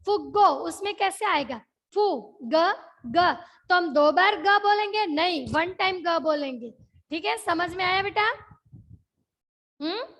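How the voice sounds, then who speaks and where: High-voiced teacher with a gujarati accent. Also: female voice, measured pace, a bit bright. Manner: mixes Hindi with English words, repeats questions to check understanding. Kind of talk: online class lesson.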